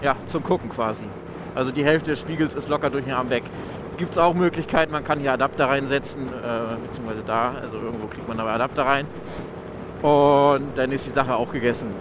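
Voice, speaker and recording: A man's voice: mid-range voice, fairly quick. A young man speaking from inside a motorcycle helmet, giving loose, slangy vlog commentary while riding and often searching for words. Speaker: motovlogger reviewing his motorcycle. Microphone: mic inside motorcycle helmet. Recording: helmet mic with engine and road noise. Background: motorcycle engine and outdoor traffic noise.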